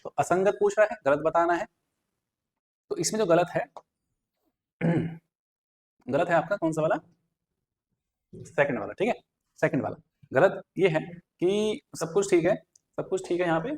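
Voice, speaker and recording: A male teacher works through exam questions one by one, explaining each answer and checking back with his listeners as he goes. His voice sits a little on the high side. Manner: explains step by step with repeated fillers. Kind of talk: exam prep lesson.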